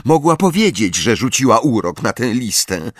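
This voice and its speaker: A man's voice: big pitch swings, moderate pace, slightly rough, dry recording, studio quality. A man voicing an upset teenage schoolgirl who is touchy, tearful and snaps back indignantly. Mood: hurt, defensive. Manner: high-pitched, indignant and snappy.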